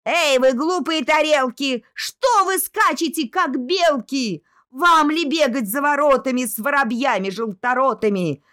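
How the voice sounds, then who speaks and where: A woman's voice: high-pitched, a bit bright, dry recording, clean studio sound, voice pushed up. A woman voicing a pack of house cats in a storybook, scolding runaway plates and pleading with them to come home. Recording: clear music underneath.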